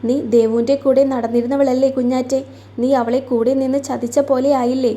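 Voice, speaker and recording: A woman's voice: sits high, flat delivery, a little fast, mellow, lightly acted. A woman reading the part of a loyal young female friend who speaks reproachfully.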